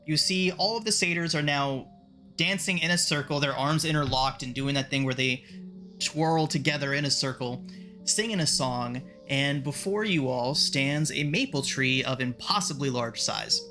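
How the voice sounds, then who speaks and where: A man's voice: mid-range voice, moderate pace, sharp tone, faint music behind. A man casually narrating a tabletop fantasy game as game master.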